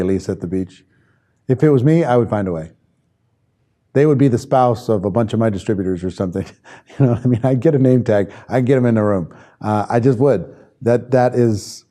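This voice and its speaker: Here a sales trainer with a warm, medium-pitched voice leads a live online class in a loose, conversational style. He thinks aloud as he reads and replies to comments from his viewers.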